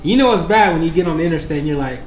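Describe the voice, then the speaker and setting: A man with a slightly high voice hosts a laid-back chat. His talk is slangy and familiar, like speaking to buddies. The room echoes and music plays behind him. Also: lively intonation, very fast. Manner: slangy and conversational, buddy-like phrasing. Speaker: interviewer and host. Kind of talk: casual chat interview. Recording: roomy echo with music behind.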